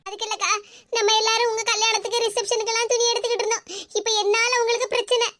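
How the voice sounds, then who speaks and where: A woman's voice: very high voice, flat delivery, very fast, noisy background. A woman with a Tirunelveli Tamil accent voicing a tearful, apologetic young bride in a cartoon, who is crying.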